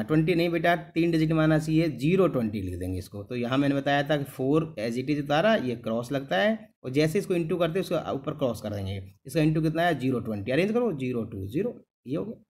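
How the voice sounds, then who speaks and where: Lively-voiced maths teacher, man. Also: on the high side, a little fast. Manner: calls the students "beta", keeps asking "clear?"; patient, repeats each step. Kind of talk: classroom lesson.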